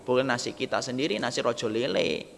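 Gravelly preacher with a lilt. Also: male voice, medium pitch, brisk. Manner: lively, joking, acts out quoted dialogue. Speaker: Islamic preacher. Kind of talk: humorous sermon. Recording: gravelly voice with long hall reverb, faint background noise.

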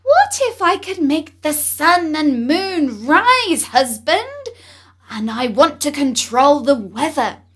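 A woman voicing a greedy, restless wife who makes loud, high demands in a storybook reading. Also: sing-song, slow pace, heavily acted. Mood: demanding.

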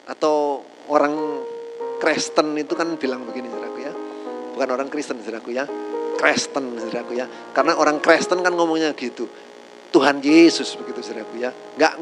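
A man delivers a relaxed, conversational sermon in a church hall, turning to his listeners at the end of almost every phrase. His voice sits on the higher side, and clear music plays underneath him throughout. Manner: tags nearly every phrase with a call to his listeners, folksy and joking. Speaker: preacher.

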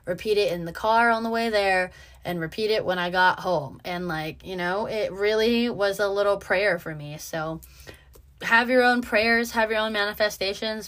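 A woman's voice: medium pitch, fairly bright tone. Young woman, casual monologue; confident, foul-mouthed, filler-heavy delivery. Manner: brash, profane and self-assured, with lots of fillers.

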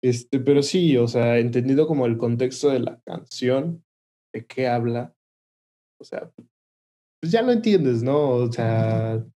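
Mexican young male co-host, warm low-key voice, easygoing slang with fillers. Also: unhurried. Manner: relaxed, slangy, hesitant fillers. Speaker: podcast co-host. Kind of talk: casual chat.

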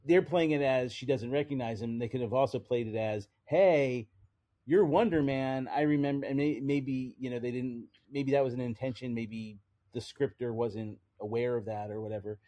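A man's voice: mid-range voice, fairly even intonation, warm tone, muffled recording. Guy cohost riffing on comic plots, jokey, mid voice. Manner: opinionated and playful, quick quips. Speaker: podcast co-host. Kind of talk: casual chat.

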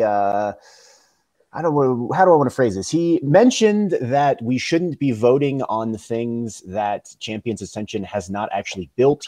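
A man's voice: lowish voice, darkish tone, no echo. A man co-hosting a podcast, reading community news headlines in a casual, upbeat way. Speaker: podcast co-host.

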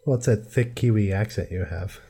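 A man with a fairly low, soft-edged and mellow voice hosts a tech podcast. He keeps the discussion casual and conversational. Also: a little fast, vocal fry, breathy edge. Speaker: podcast host.

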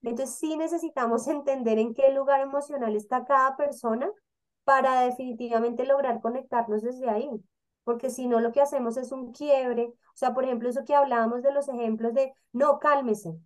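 A woman co-hosting a casual panel talk, explaining emotions in an animated way and acting out the people she quotes. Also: high voice, a little fast. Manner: animated, acts out quoted voices. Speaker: co-host.

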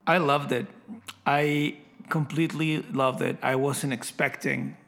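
A young man co-hosting a casual film podcast, talking in an animated, emphatic way. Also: mid-range voice, measured pace, gravelly. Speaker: podcast co-host.

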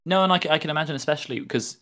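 A man hosting an interview, asking questions quickly with frequent restarts. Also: on the high side, a bit bright. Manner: fast, stumbling restarts. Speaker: podcast host. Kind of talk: casual interview.

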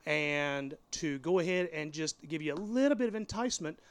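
A man's voice: fairly high pitch, normal speed, clean tone, no echo. A man co-hosting a casual podcast, upbeat and reading out giveaway details. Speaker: podcast co-host.

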